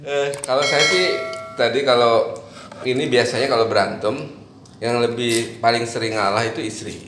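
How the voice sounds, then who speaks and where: A man from eastern Indonesia talks through his thoughts in a relaxed chat, laughing now and then. His voice sits at an ordinary middle pitch. The room gives it a clear echo with faint background noise. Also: normal speed. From eastern Indonesia, Bima. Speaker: guest. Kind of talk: casual chat.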